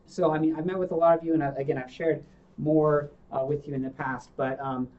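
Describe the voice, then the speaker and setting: A man giving an earnest, reflective talk to a seminar, pausing and restarting his sentences. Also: a little high, flat delivery. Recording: distant muffled room recording.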